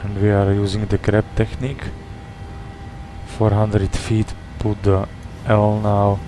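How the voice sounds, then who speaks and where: A man works through pilot takeoff callouts and cockpit procedures. He speaks very slowly in a low register, with clipped, methodical checklist phrasing. A steady aircraft hum sits behind him. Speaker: flight simulator streamer playing airline pilot.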